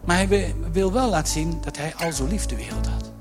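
A man preaching a lively sermon, acting out quotes and joking with the congregation. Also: a little high, brisk, over music. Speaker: pastor.

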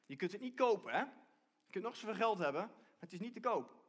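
A high, expressive male voice moves briskly through a conversational sermon from the church stage, the preacher often backing up and repeating himself as he explains things.

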